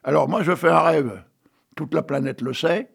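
Gravelly older man rambling chattily. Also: on the high side, moderate pace. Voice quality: gravelly, husky voice. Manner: chatty, digressive, ends phrases with "hein". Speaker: amateur writer reading his own text. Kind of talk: rambling monologue with a read-aloud absurd tale.

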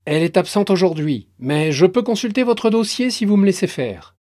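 A man's voice: high-pitched, very animated, normal speed, darkish tone, voice pushed up. A man voicing a female branch manager in her fifties, soothing and careful. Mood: placating.

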